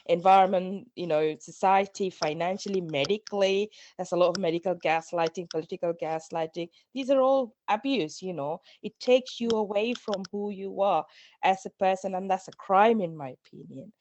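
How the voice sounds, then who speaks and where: A woman's voice: mid-range voice, moderate pace, a little mellow, highs cut off, slight background noise. A middle-aged woman from Sri Lanka, a guest on a podcast interview, speaking in a reflective, earnest way and often restarting phrases. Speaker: guest, parenting coach.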